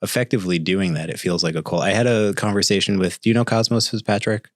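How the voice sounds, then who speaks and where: A man hosting a podcast, asking questions in a relaxed, casual way. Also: fairly low pitch, quick pace, dry recording, studio quality. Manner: relaxed, with short agreeing replies. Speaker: podcast host. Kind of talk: casual interview chat.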